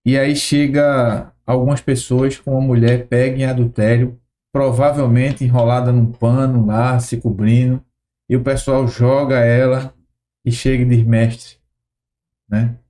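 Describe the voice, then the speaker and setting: A man's voice: mid-range voice, little pitch movement, normal speed, warm tone. A man with a Brazilian accent, hosting a podcast, thoughtfully retelling a scene as he imagines it aloud. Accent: Brazilian Portuguese. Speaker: podcast host. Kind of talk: reflective conversational storytelling.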